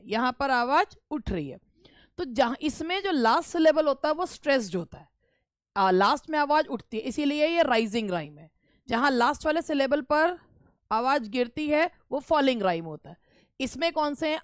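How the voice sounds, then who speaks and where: A woman's voice: high voice, smooth, dry recording, studio quality. A woman teacher giving an online exam-prep lesson, explaining step by step and stretching words to show their stress.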